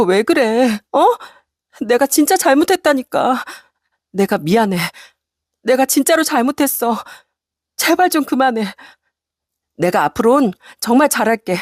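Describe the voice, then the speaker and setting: A woman putting on a frantic shrill wife. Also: dry recording, clean studio sound. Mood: pleading. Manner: shrill, pleading, stammering. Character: frantic pleading wife, middle-aged woman. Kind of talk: storybook radio narration.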